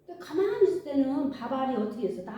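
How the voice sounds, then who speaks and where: A middle-aged woman pastor preaching in a lively, conversational way, acting out short bits of dialogue, recorded from a distance in a church hall with faint music behind her. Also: sits high, fast, highs cut off. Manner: conversational, animated, acts out dialogue. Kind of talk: sermon. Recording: echoey hall, far from mic, faint music.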